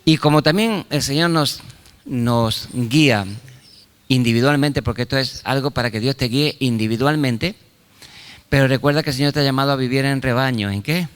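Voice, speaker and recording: An older man preaches a sermon with fervor. He throws call-and-response questions at his listeners and punctuates his points with quick exclamations of praise. His voice sits at a middling pitch and rings with the long reverb of a large hall. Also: clear, resonant tone. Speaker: pastor.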